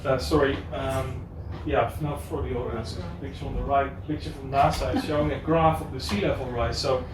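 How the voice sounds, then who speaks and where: A man's voice: mid-range voice, steady tone, normal speed. A man with a Dutch accent giving a live presentation, hesitant, with many fillers and restarts. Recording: echoey room, distant mic, noise.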